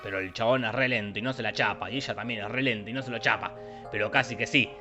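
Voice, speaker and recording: A man with a Rioplatense Spanish accent narrating a comic, slangy movie recap in a deadpan, irreverent way. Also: on the low side, fast talker, lo-fi sound, music in the background. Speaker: host summarizing films.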